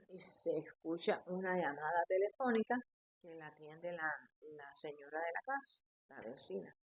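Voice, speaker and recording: A woman from Cuba with a Cuban accent, confiding a personal story in a casual vlog, often dropping her voice low. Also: measured pace, no echo. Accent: Cuban Spanish. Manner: intimate, confiding, drifting quieter. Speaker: vlogger.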